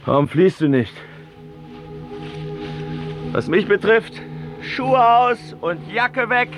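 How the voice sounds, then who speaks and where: Doomed wry sailor, radio play, slightly high, slow, music behind. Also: male voice, sing-song, full character voice. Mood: grimly wry. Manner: grimly joking monologue. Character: doomed mate, wry and stubborn.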